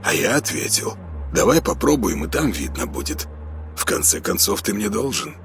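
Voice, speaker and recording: A man's voice: fairly low pitch, big pitch swings, moderate pace, vocal fry, fairly bright tone, faint music behind, full character voice. A man voicing a pushy, cheerful young man who needles his friend, in an audiobook. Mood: needling. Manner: teasing, pushy, upbeat.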